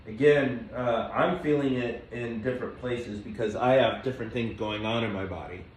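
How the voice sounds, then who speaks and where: A man guiding a yoga flow as he does it, giving relaxed, chatty cues with small asides. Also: mid-range voice, normal speed, slight background noise. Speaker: yoga instructor. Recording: echoey room, mic at a distance.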